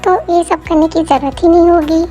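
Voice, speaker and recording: A woman's voice: very high voice, fairly even intonation, a little fast, dark tone, soft background music. A woman voicing a carefree, dismissive young son in an amateur dubbed story. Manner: dismissive, breezy.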